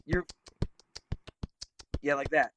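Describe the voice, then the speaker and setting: A man's voice: on the high side, slow pace, very noisy. A man co-hosting a casual podcast chat from home, a drummer who teases the others playfully. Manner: playful, teasing. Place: home, over a video call.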